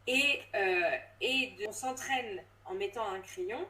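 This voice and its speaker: A woman's voice: medium pitch, slow, bright, forceful tone. A woman in her thirties, a voice coach, explaining with lots of fillers and restarts in a casual interview. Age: 30s. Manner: hesitant, many fillers and restarts. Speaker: voice coach and drama teacher. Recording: roomy sound, distant from mic.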